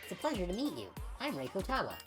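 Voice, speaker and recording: A woman's voice: medium pitch, huge pitch swings, fast talker, over music, pitched above the performer's own voice. A woman voicing a chirpy young record-shop clerk. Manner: sleepy then chipper, apologetic and eager.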